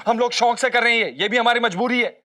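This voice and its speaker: A grown man in a sitcom scolds his reckless partner in a fairly high, nagging voice. Between outbursts he mutters worried complaints to himself. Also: fast, pushed and bright. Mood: scolding. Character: exasperated male friend and co-schemer, scolding. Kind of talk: sitcom acting.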